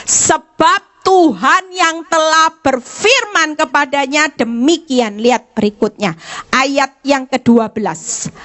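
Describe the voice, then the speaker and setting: A woman evangelist, preaching a lively church sermon, reading scripture aloud and acting out tearful prayers of congregants. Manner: animated, mimics congregants in high, tearful voices; addresses congregation directly, reads scripture aloud.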